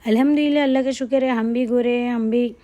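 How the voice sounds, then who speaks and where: A woman with a hoarse throat from a cold, rambling chattily in a casual vlog voice-over. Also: a little high, fairly even intonation, fast talker, dark tone. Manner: chatty, rambling, repeats herself. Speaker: shopping vlogger.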